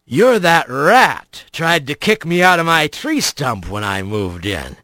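A man's voice: on the high side, very animated, slow, bright, forceful tone, no room sound, full character voice. A man voicing a surly male bobcat, drunk on catnip, who slurs and growls. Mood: menacing. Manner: slurred, growling.

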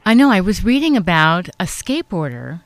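A woman's voice: fairly low pitch, sing-song, a little fast, no echo. A woman hosting a conversational radio interview, chatty as she asks questions and reacts to her guest.

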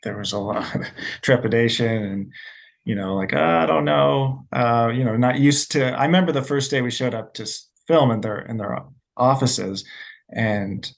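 A man's voice: medium pitch, moderate pace, gravelly. Earnest man, a film director as guest. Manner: earnest, storytelling, frequent fillers. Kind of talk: interview guest.

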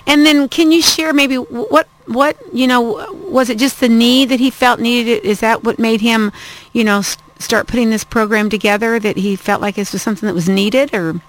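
A woman's voice: on the high side, fairly even intonation, moderate pace, rough recording. A woman hosting an interview, asking conversational questions with some hesitation. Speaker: interviewer, host.

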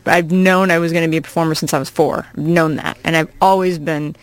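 A woman in her forties from Iowa, a comedian guest chatting casually on a radio show, quick-witted and laughing often with animated punchlines. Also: low-pitched. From Iowa, USA. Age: 40s. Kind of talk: casual radio interview chat.

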